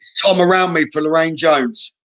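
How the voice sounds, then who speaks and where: Male live-stream medium, fairly high voice, dull lo-fi sound, short repeated questions as if running a séance. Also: normal speed, a bit bright. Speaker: spirit medium hosting a live session. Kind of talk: live spirit box session, calling out questions.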